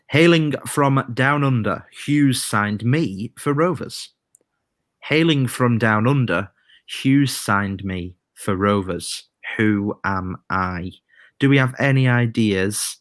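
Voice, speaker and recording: A man hosting a live quiz stream, reading rhyming clues slowly and chatting between questions. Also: on the low side, no echo, clean studio sound. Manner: reads quiz rhymes slowly, chatty asides. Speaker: quiz host.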